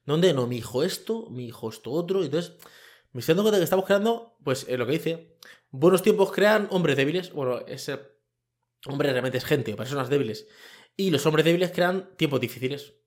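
Speaking at a moderate pace with lively intonation, a man with a voice on the high side hosts a podcast. He delivers a colloquial, rambling opinion monologue into a microphone set up with a camera.

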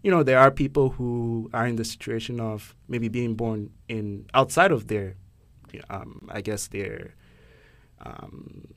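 A man's voice: mid-range voice, steady tone, measured pace, a bit bright. A young man from Ghana hosting a casual podcast discussion, thoughtful and hesitant, with many fillers and restarts. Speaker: podcast host.

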